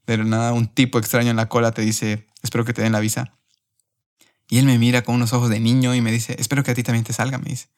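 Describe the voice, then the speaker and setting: A young man on a podcast, telling a personal story in an emotional, animated way. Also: mid-range voice. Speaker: podcast host.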